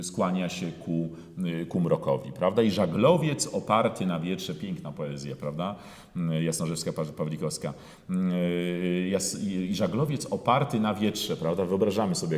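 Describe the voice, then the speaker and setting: A man giving a singing lesson, talking through phrases slowly with many pauses and fillers, and singing parts of them out in full voice. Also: low-pitched, a little mellow. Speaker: voice teacher. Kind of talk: singing lesson with sung demonstrations. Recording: roomy hall with long reverb.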